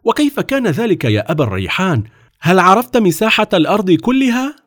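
A man's voice: medium pitch, very animated, fairly quick, no echo, clean studio sound. A man voicing a powerful, curious sultan in a storybook reading, speaking in a commanding, questioning way. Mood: amazed.

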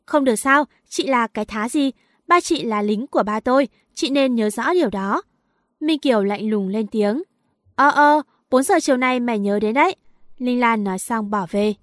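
High-voiced woman reading a story. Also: no room sound, studio quality. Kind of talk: storytelling narration.

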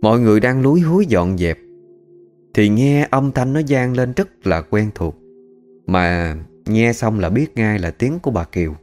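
A man's voice: lowish voice, animated, normal speed, a little mellow, faint music behind. A man narrating a ghost story in a colloquial, chatty way.

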